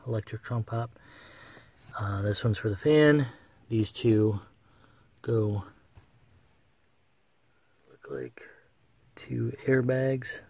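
In a dry recording, a medium-pitched man explains a car repair step by step while working beneath a dashboard. He's a how-to presenter who talks plainly and without hurry as he handles his tools, keeping it casual.

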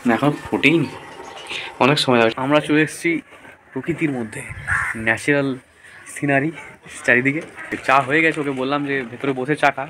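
A man's voice: mid-range voice, a bit bright, slight background noise. A man, chatting casually to camera in a village home vlog, coaxing and narrating his chores. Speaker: vlogger. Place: rural home, indoors and outdoors.

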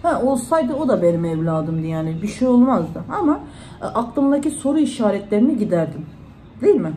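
Lady vlogging at home, chatty, keeps retelling what was said, very warm low-toned voice. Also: very animated, fairly quick, slight background noise, low-quality recording. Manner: chatty, retells conversations in reported speech. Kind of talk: casual vlog talk to followers.

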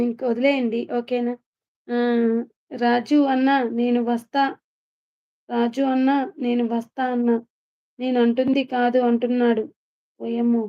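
A woman's voice: sits high, highs cut off. Chatty woman on a live stream. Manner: chatty, greets viewers one by one, laughs often. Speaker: vlogger hosting a live stream. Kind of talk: casual live-stream chat, reading viewer comments. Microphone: phone.

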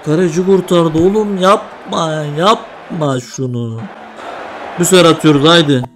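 A man's voice: fairly high pitch, a little slow, slight background noise. A young man commentating a mobile football game, groaning at setbacks and cheering at goals as he talks to himself. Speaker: gaming video creator. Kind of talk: excited gameplay commentary.

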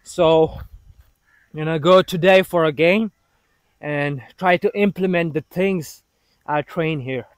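A man talking casually to the camera about his football training, halting and self-motivating as he thinks aloud on an outdoor pitch. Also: clean tone, dry recording.

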